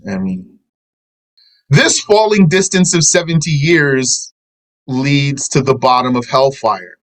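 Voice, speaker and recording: Speaking at an ordinary middle pitch, a man gives a religious lesson, reading one line of a translated text before explaining it at length. Arabic terms slip into his English, and the recording is low quality.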